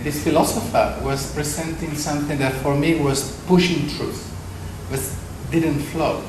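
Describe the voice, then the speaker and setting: A man's voice: fairly high pitch, steady tone, a little slow. A middle-aged man from Argentina, giving a conference talk full of anecdotes and self-deprecating humor. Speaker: conference speaker. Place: conference hall. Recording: echoey hall with background noise.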